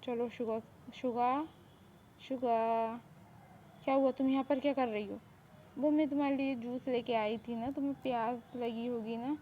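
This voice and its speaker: A woman's voice: on the high side, steady tone, a little slow, lightly acted. A woman voicing a mafia boss's spoiled, lovesick younger sister who talks in a demanding, boastful way, in a fan audio drama. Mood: pushy. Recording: tinny phone-like recording, faint hiss.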